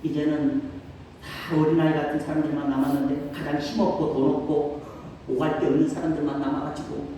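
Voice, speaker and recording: Dark-voiced pastor in an echoey hall. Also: male voice, fairly high pitch, a little fast, a little hiss or hum. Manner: animated storytelling, shifting between formal and casual speech. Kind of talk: testimony sermon. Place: church sanctuary. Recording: echoey church hall from far off.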